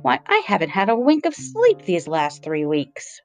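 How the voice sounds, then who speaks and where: A woman's voice: wildly swooping pitch, normal speed, a little mellow, faint music behind. A woman voicing a fretful female pigeon who shrieks and scolds about serpents and her eggs. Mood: shrieking. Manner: shrill, sobbing, contemptuous.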